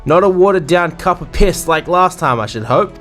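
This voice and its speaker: A man's voice: on the high side, big pitch swings, a little fast, faint music behind, pitched above the performer's own voice. A man voicing a stern, suspicious male harbor officer who speaks formally and accusingly.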